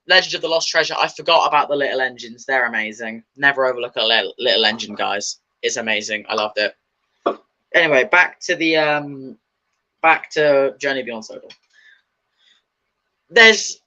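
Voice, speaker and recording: A man's voice: fairly high pitch, pushed and bright, rough recording. A man chatting casually about his opinions, rambling and enthusiastic, with many fillers and restarts. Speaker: video host.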